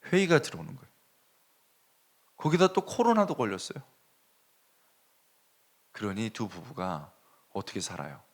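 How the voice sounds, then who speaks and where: Lively low-voiced male pastor preaching. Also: moderate pace, long pauses. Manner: animated storytelling, dropping to a hush and rising sharply. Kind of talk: sermon.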